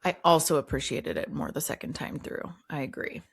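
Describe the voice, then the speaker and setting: A woman's voice: deep voice, sing-song, a little fast, vocal fry, slightly rough. A woman co-hosting a film podcast, chatting casually, swearing freely and joking at her own expense. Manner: profane, self-deprecating, chatty. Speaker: podcast co-host.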